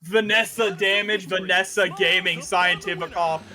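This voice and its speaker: A man's voice: high-pitched, fairly even intonation, unhurried, crowd noise. A man giving live play-by-play of a fighting game match in jargon-heavy, move-by-move calls, with game music behind. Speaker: tournament commentator. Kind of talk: play-by-play esports commentary.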